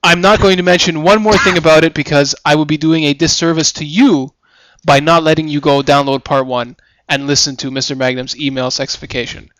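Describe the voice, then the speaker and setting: A man's voice: fairly high pitch, fairly even intonation, brisk, a bit bright, dry recording, rough recording. A man co-hosting a casual podcast-style radio show, talking in a laid-back, rambling, joking way.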